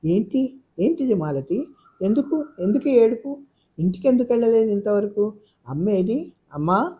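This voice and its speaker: A man's voice: sits high, animated, normal speed, voice pushed up, poor audio. A man doing a shocked, furious young sister. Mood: bewildered. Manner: sharp, scolding outbursts.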